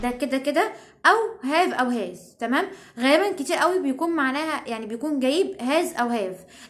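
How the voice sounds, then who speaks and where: Brief: young Egyptian woman teaching grammar, rapid-fire delivery, high voice, keeps asking if students follow. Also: slight background noise. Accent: Egyptian Arabic. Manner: chatty, keeps checking understanding. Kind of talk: online grammar lesson.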